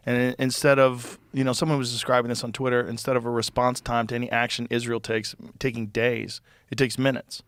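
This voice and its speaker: Animated, profane man chatting. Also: medium pitch, brisk, few pauses, clear, resonant tone, no echo, studio quality. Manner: animated, profane, mocks others in exaggerated voices. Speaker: podcast host. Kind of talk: casual conversation.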